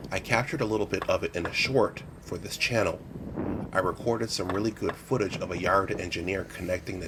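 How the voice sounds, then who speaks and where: A man with a fairly low voice narrates a travel vlog from a script. Train ambience runs clearly behind him. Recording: clear background train noise.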